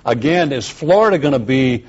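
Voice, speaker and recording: A man hosting a weekly TV panel, asking brisk questions and acknowledging answers. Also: mid-range voice, expressive, breathy edge, muffled recording. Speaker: TV show host, moderator. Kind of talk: moderating a political panel.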